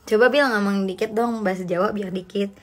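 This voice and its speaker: A woman's voice: mid-range voice, a little fast. Chatty young Indonesian woman livestreaming. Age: young adult. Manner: chatty, animated, mixes in slang and English. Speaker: livestream host reading comments. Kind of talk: casual livestream chat.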